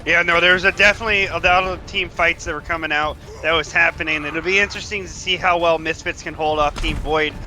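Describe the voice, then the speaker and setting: Bright, tense-voiced male esports co-caster. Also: fairly high pitch, fairly even intonation, fairly quick, hardly any pauses. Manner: casual, hyped, repeats "yeah, no" and "definitely". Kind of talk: color commentary.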